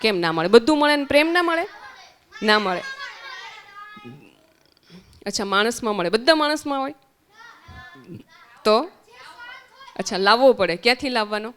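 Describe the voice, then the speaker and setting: The summer camp teacher, a woman with a Gujarati accent, quizzes the children in a centre hall and repeats their replies. Her voice sits on the high side, animated and a bit bright, at normal speed with frequent pauses, and there's slight background noise.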